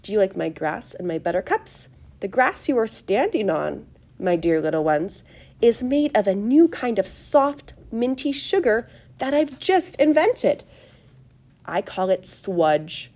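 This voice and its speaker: A woman reading the part of an eccentric, excitable male chocolate maker who gushes proudly over his creations. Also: medium pitch, unhurried. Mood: gushing. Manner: gushing, showy, proud.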